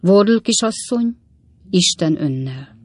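A woman's voice: mid-range voice, lively intonation, darkish tone, no room sound, pitched above the performer's own voice, lightly acted. Woman voicing Mr. Jingle, theatrical male swindler. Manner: theatrical, clipped and declamatory.

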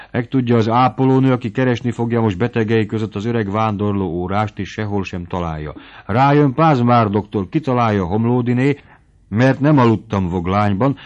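A man voicing a bold, scheming young gentleman who argues smoothly and persuasively, in dull lo-fi audio. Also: mid-range voice, natural voice.

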